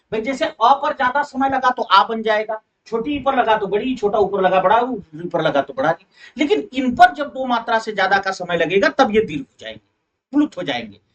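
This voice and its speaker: A man's voice: extremely high pitch, a bit bright. A male teacher running a live online exam-prep class, calling his students "beta" and repeating key points. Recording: distant, dull online class audio.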